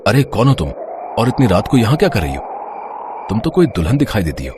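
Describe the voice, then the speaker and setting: A man's voice: on the low side, sing-song, fairly quick, noisy background. A man voicing a bold young inspector. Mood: reassuring. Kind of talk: animated storybook voice acting.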